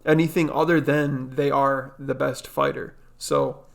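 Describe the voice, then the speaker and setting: A man's voice: mid-range voice, little pitch movement, a little slow, gravelly. A young man hosting a reaction video, talking casually with lots of fillers and repeating himself. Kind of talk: casual commentary.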